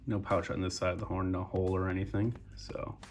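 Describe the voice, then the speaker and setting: There's a little hiss or hum behind this low-pitched young man, who talks a bit fast in a casual toy review. His voice is congested, he breathes through his mouth, and he relaxedly calls his audience "guys."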